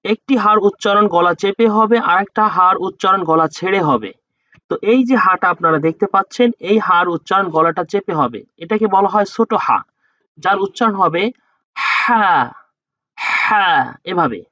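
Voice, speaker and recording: A man with a high, animated, bright and forceful voice teaches Quran pronunciation a little fast, in a slow letter-by-letter lesson. He patiently explains how to form each letter and sounds it out two or three times. The audio is dull but free of echo.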